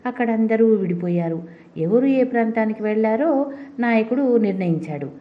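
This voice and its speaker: Brief: woman storybook narrator, steady reading, dull lo-fi sound. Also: a little high, moderate pace. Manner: steady reading with small restarts. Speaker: audiobook narrator. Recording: dull lo-fi recording.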